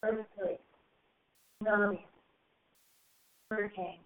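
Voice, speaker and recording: A woman channeling a spiritual message to a group, speaking in slow, solemn, drawn-out phrases that swell and soar, heard over a phone call. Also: medium pitch, steady tone. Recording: tinny phone line.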